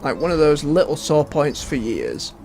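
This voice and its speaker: Man gaming, gravelly, slightly high voice. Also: wildly swooping pitch, normal speed, darkish tone. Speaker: game streamer. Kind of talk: casual gameplay commentary. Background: game music.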